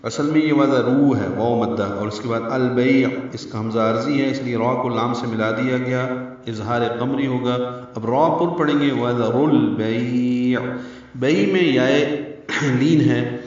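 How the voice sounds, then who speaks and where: Male recitation teacher, deliberate lecture style, heard from a distance in a very echoey room. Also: medium pitch, steady tone. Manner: slow, deliberate explanation, chanting example words. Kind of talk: tajweed lesson with recited examples. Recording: very echoey, distant, dull sound.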